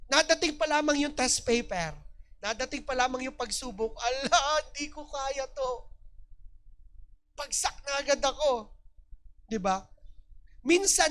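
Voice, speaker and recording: A man with a Batangas Tagalog accent preaching a lively sermon as pastor, acting out quoted voices and breaking into shouts. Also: very high-pitched. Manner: animated, acts out quoted voices, bursts into shouts. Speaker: pastor and university professor.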